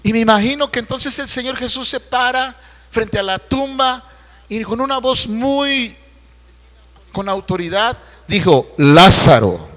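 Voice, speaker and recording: A pastor preaches a Sunday sermon in a chatty, storytelling way, tossing rhetorical questions at the congregation. His voice sits high and rings bright. It carries a long reverb from the church hall. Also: unhurried. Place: church sanctuary.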